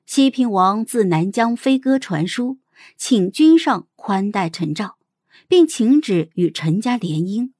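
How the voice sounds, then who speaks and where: A young adult woman hosting and narrating a first-person story in a measured, expressive manner. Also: mid-range voice, no echo, studio quality. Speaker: audiobook host and narrator.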